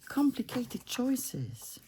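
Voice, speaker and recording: A woman's voice: fairly high pitch, very animated, very slow, warm tone, slight background noise. A woman vlogger from France and Italy, thinking aloud and chatting to her craft materials, often dropping to a whisper. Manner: muses aloud, talks to her craft pieces, drops into whispers. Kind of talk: casual talk-along while crafting.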